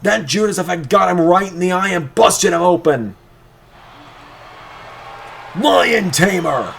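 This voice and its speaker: Man calling wrestling like an excitable commentator, over noise. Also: high-pitched, gravelly. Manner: excitable wrestling commentator delivery, drawn-out calls of moves. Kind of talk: wrestling commentary of a video game match.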